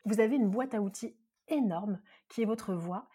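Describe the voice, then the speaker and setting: A woman from France hosting a self-help podcast, talking very fast and lively as she gives advice. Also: mid-range voice, husky. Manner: very fast, lively talker with many examples. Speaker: podcast host and coach.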